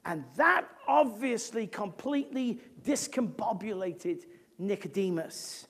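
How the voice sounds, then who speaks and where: A woman preacher delivers a sermon in a lively, swinging voice. She explains scripture with strong emphasis and breaks into casual asides to her listeners. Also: mid-range voice, slow, breathy edge.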